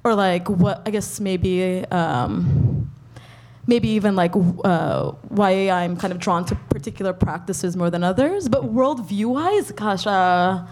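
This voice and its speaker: A woman's voice: medium pitch, slow pace, darkish tone, a little hiss or hum. Hesitant young woman, casual chat. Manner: hesitant, lots of "like" and "um".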